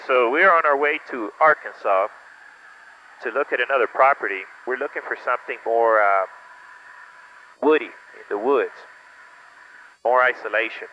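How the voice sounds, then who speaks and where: A man's voice: medium pitch, muffled recording, slight background noise. Give me a man, a pilot and vlog host, talking casually through his cockpit headset with many "uh" fillers while he flies a small plane. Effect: pilot cockpit headset intercom. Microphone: aviation headset boom mic.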